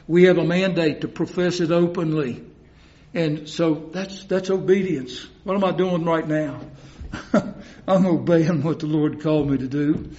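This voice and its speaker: A man's voice: on the high side, a little mellow. A man preaching a sermon in an earnest way, repeating phrases for emphasis. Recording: dull lo-fi recording.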